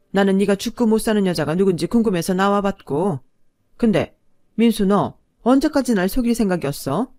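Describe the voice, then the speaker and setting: A woman voicing a snobbish middle-aged mother who talks down to others in a shrill, domineering way. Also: natural voice. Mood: scornful. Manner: shrieking, scornful, loud.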